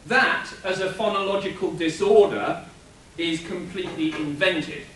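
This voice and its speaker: A man giving an animated, explanatory panel talk at a convention, chuckling now and then. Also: sits high, a little slow, slight background noise. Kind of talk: lecture-style panel talk. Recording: echoey room from a distance.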